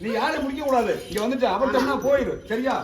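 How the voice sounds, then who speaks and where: A man serving as a temple medium, interrogating a possessed woman with forceful, repetitive commands in a shouted ritual style. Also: extremely high pitch, fast. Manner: forceful, repeats questions, commanding. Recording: echoey, distant, with a loud crowd.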